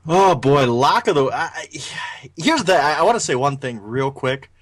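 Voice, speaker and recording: A man co-hosting a casual sports podcast, animated and opinionated, often restarting his sentences as he talks. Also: on the high side, moderate pace. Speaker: podcast co-host.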